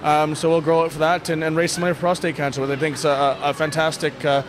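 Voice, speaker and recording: There's little pitch movement as this ice hockey bench coach, a man in his thirties, rattles off a candid, casual post-game interview in a fairly high voice. His speech is plain and halting, often doubling back on words. The handheld-mic recording comes from an indoor sports hall with blue block walls, and venue noise is clearly heard.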